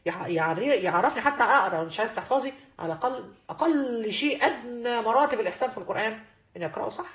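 A woman's voice: on the high side, echoey room. A woman with an Egyptian accent giving a religious lesson to women, emphatic and repeating key phrases to drive them home. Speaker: religious teacher.

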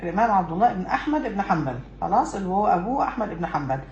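A woman's voice: mid-range voice, big pitch swings, very fast, a little mellow, highs cut off. A woman with an Egyptian accent giving a religious lesson from a book, emphatic and putting rhetorical questions to her listeners. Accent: Egyptian Arabic. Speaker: religious teacher. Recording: echoey room with faint background noise.

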